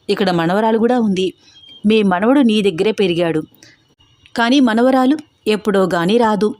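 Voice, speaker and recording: Cheeky granddaughter voiced by a woman: playful, teasing, relaxed. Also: mid-range voice, no echo, lightly acted. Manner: playful mock complaining.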